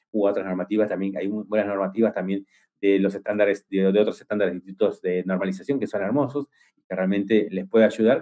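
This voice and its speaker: A man's voice: fairly low pitch, mellow. A man giving a technical cybersecurity conference talk, enthusiastic and rambling, with frequent restarts and fillers and homely examples. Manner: enthusiastic, explains with vivid everyday examples.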